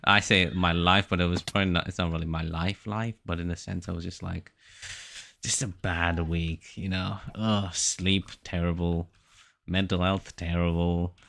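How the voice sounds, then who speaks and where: A man's voice: sits low, flat delivery, moderate pace, vocal fry, fairly bright tone. A man in his early twenties chatting casually to his live-stream viewers while playing, rambling and poking fun at himself. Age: about 21. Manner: rambling, self-mocking, joking chatter.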